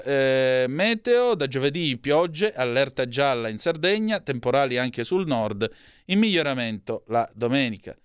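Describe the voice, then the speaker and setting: Clear-voiced man hosting radio news. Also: medium pitch, no echo, studio quality. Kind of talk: live press review, reading and commenting on headlines.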